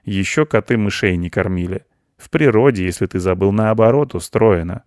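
A man voicing a lazy, smug male ginger cat with a slow drawl. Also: fairly low pitch, a little mellow, dry recording, clean studio sound, lightly acted.

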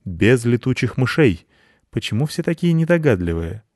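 A man's voice: medium pitch, big pitch swings, normal speed, a little mellow, no echo, clean studio sound, voice pushed up, close to an everyday voice. A man voicing a proud, stern house cat who leads a little gang in a storybook reading. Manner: self-important and stern.

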